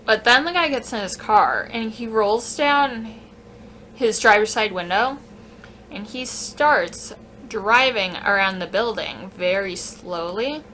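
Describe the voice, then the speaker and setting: A woman telling a casual, animated story on a vlog, swearing freely. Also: medium pitch, slow pace, slight background noise. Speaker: vlogger.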